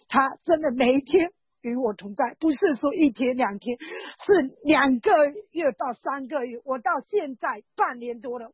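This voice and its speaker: A woman gives a spoken religious testimony in an earnest, emotional way and circles back on her words again and again. Her voice sits high and sounds strongly husky. The recording is dull and dry. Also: no room sound. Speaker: church member giving testimony.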